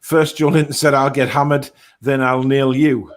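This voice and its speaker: A man hosts a relaxed football fan stream in a medium-pitched voice. He reads out viewer comments, then gives his own opinions bluntly and matter-of-factly. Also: moderate pace. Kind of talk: casual chat, reading out viewer comments.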